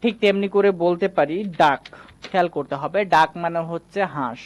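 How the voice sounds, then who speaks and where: A man teaching a reading lesson, explaining patiently and slowly repeating each example word. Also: on the high side.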